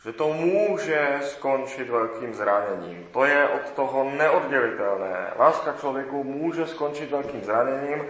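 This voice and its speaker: A man's voice: mid-range voice, hardly any pauses, fairly bright tone. Man reading the Gospel in an echoey church. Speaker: priest.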